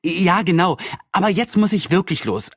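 A man voicing a cheerful, lively young girl in a storybook reading, with eager, quick replies. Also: high voice, breathy edge, dry recording, studio quality, pitched above the performer's own voice, full character voice.

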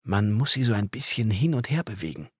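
A man voicing an ancient, polite female angel who speaks gently and pleads for help. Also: fairly low pitch, sing-song, brisk, husky, no room sound, clean studio sound. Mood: pleading.

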